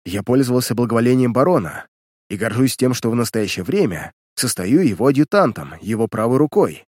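A proud male spy, now captured and broken, answering each question in short, reluctant phrases, as a man reading an old detective story puts him on. The voice is dry and close, and its pitch stays lively. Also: fairly quick, breathy edge, no room sound.

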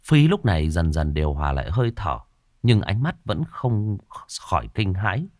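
A male storyteller narrating a ghost story in a tense, expressive way. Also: low voice, moderate pace, no room sound, clean studio sound.

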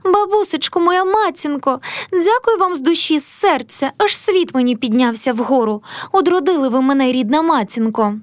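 A pampered young noblewoman from a storybook, voiced by a woman reading aloud, plaintive and lamenting. The voice sits high and swings widely in pitch. The sound is dry and close. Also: lively intonation, moderate pace, no echo. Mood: eager. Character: young tearful spoiled noble lady.

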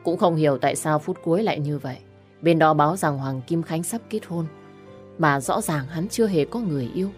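A woman's voice: low voice, a little fast, faint music behind, close to an everyday voice. A woman voicing a stern middle-aged father scolding his daughter.

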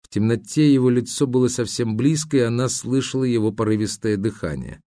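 A man narrating a novel as an audiobook, in an even, measured storytelling manner. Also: medium pitch, dry recording, studio quality.

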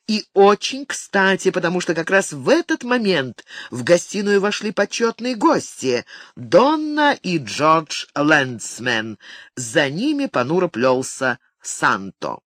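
An audiobook narrator reading a novel aloud, with expressive, animated delivery. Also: mid-range voice, slow, no room sound, clean studio sound. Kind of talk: scripted narration.

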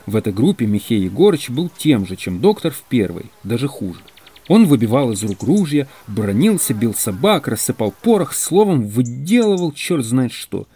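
A man reading a classic story aloud as an audiobook narrator, with an expressive, animated delivery. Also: medium pitch, normal speed, husky.

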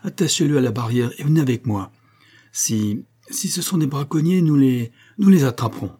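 A man voicing a gruff, blustering old sea captain in an audiobook reading. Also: medium pitch, fast talker, a little mellow, close to an everyday voice.

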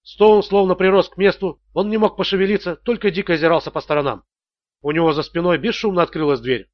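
High-voiced man narrating a thriller. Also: steady tone, quick pace, dry recording, dull audio. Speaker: audiobook narrator.

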